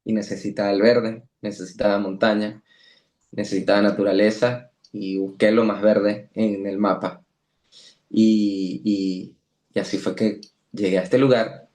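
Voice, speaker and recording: A man's voice: on the low side, flat delivery, unhurried, darkish tone. A middle-aged man from Venezuela with an Andean Venezuelan accent, speaking earnestly and firmly as an interview guest, often repeating and restarting words. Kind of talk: interview conversation.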